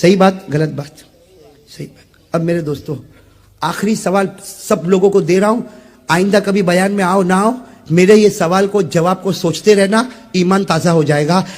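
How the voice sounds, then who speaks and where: High-pitched man preaching a fiery sermon. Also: fairly even intonation, moderate pace. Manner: swings from low confiding talk to high shouted peaks, questions the crowd. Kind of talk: impassioned sermon.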